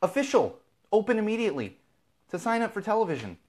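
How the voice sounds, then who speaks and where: A man's voice: high-pitched, very animated, fast, darkish tone. A man from Southern California hosting a live feed, ranting casually and with exasperation, swearing freely. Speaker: podcast host.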